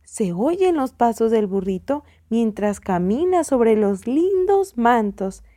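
A woman reads a children's Bible story in a slow, unhurried storybook way. Her voice is fairly high yet mellow and soft. The recording is dry and close, with no room sound. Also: no room sound. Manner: slow, expressive storybook reading.

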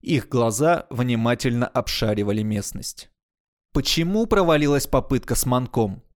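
A man narrating a science fiction audiobook in a measured, expressive reading voice. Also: mid-range voice.

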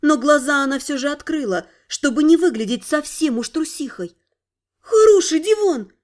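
High-voiced woman narrating an audiobook. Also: normal speed. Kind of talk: scripted narration.

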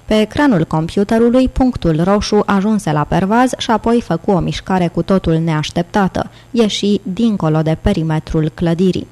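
A woman reading a thriller audiobook aloud in a steady, dramatic narration. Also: mid-range voice, few pauses. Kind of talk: scripted narration.

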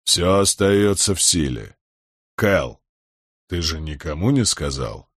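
A man's voice: low-pitched, expressive, slow pace, no room sound, clean studio sound, pitched below the performer's own voice, heavily acted. A man voicing a persuasive male soldier who speaks in an insistent, coaxing way.

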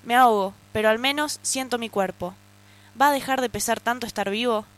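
A woman's voice: on the high side, a little fast. A woman with a Rioplatense Spanish accent, reading her own short story aloud intensely and emotionally.

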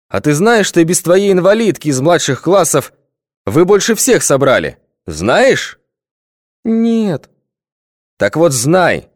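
A man's voice: on the high side, no echo, studio quality, voice pushed up. A man putting on a barking, furious school director. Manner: barking, loud, short-tempered. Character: gruff angry male school director.

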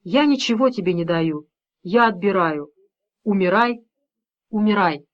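A woman doing a calm, steely father. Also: mid-range voice, a little slow, muffled recording, close to an everyday voice. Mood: calm, firm. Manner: calm, steady, quietly menacing. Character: calm, firm middle-aged father confronting evil.

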